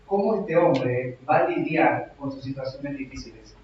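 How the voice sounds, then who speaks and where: A young adult man with a Rioplatense Argentine accent, preaching a sermon in a church hall, shifting from hushed reflection to loud emphatic exhortation. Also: medium pitch, expressive, normal speed, a little hiss or hum. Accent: Rioplatense Argentine Spanish. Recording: very echoey hall, distant, dull.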